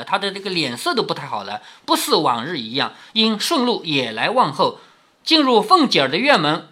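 Chatty male storyteller, husky voice. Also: high voice, sharp tone. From southern Jiangsu, China. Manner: explanatory, chatty asides. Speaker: father reading a novel aloud to his daughter. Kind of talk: storytelling with commentary.

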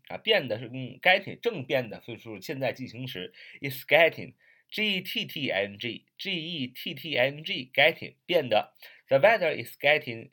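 Lively man teaching grammar. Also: mid-range voice. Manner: spells words letter by letter, drawn-out repetitions. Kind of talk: explaining lesson to viewers.

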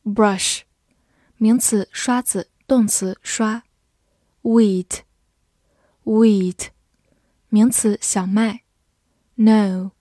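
A woman teacher giving a vocabulary lesson. She reads each word twice and then its meanings, in a clear, careful way. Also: mid-range voice, mellow, no room sound, studio quality. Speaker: English teacher.

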